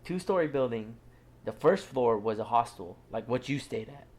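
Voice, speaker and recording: A man's voice: medium pitch, normal speed, a little mellow. A young man from Southern California, co-hosting a podcast with laid-back, joking casual banter. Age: young adult. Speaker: podcast co-host. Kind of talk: casual chat.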